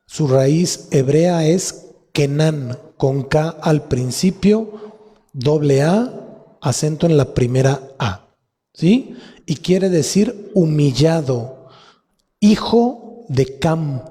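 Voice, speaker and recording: A Mexican pastor delivers a teaching sermon in a slow, deliberate cadence, his voice mellow and a little husky. He spells out word roots and repeats them for his congregation. The long reverb of a church hall trails behind every phrase. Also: on the high side. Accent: Mexican Spanish.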